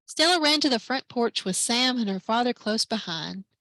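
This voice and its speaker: A woman librarian reading a children's picture book aloud at story time, lively and expressive. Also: on the high side, normal speed, no room sound, poor audio. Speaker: library branch manager, story time reader.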